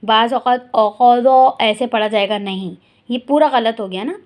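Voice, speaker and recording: A woman teaching Quran reading, patiently spelling out syllables slowly and explaining each letter. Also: on the high side. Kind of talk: slow spelled-out recitation lesson.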